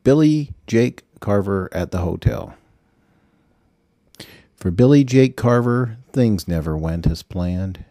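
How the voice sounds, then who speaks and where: A man narrating a novel chapter in a deadpan, dry delivery. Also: lowish voice, slow pace, dry recording. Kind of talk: scripted audiobook narration.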